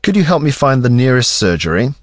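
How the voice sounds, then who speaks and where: Man modeling phrases clearly. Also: medium pitch, very animated, moderate pace, faint music behind. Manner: clear, careful model pronunciation. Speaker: English phrase reader. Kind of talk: scripted phrase reading.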